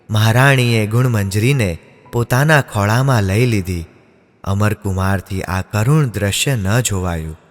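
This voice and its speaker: A man narrating a devotional drama in a measured, solemn storytelling manner. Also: lowish voice. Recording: long reverb, music underneath.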